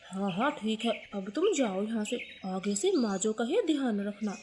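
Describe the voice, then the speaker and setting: A woman voicing a bitter, taunting old mother-in-law bird in a cartoon, speaking in a harsh, sharp-tongued way. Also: medium pitch, expressive, moderate pace, a little hiss or hum, lightly acted. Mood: scolding.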